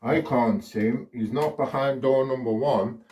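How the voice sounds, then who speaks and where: A man's voice: medium pitch, measured pace, highs cut off. Kids party magician, a man, heard from afar. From United Kingdom. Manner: simple, playful kids party magician delivery with counting and questions. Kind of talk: scripted children's magic patter. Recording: distant microphone.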